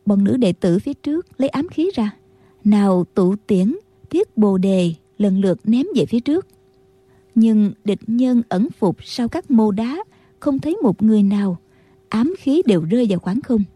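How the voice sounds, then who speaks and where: Woman narrator, husky and mellow, fairly high, dry close mic, steady audiobook storytelling. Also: moderate pace, no echo. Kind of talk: scripted narration.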